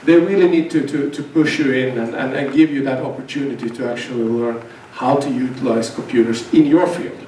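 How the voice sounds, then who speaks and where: A middle-aged man from Finland, native Swedish speaker and visiting university lecturer, talks to students at a seminar in a steady, dark voice of medium pitch. He is hesitant, with many restarts and repeated words. The sound is echoey and distant, with faint noise in the background.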